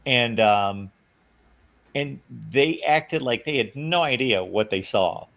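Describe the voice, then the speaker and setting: A man in casual sports chat, an animated storyteller who leaps up in pitch when quoting others. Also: takes it slowly.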